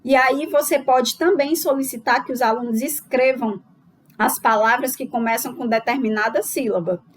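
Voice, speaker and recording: A woman's voice: sits high, normal speed. A woman giving a recorded lesson to teachers, explaining step by step and checking in with the listener after each point. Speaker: teacher trainer.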